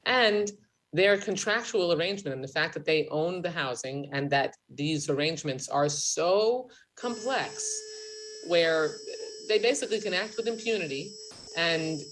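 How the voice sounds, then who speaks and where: A woman politician chairing a legislative hearing, speaking formally in a halting, emphatic way that repeats key phrases. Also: sits low, expressive, a bit bright, a little hiss or hum, rough recording. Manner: politician's measured, halting delivery with emphatic repetition.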